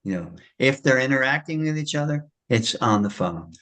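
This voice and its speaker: A man, a retired schoolteacher, leading a spiritual class and telling a story in a casual, animated way. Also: medium pitch, moderate pace, poor audio. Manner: animated storyteller, acts out quoted voices. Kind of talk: casual storytelling after a lecture.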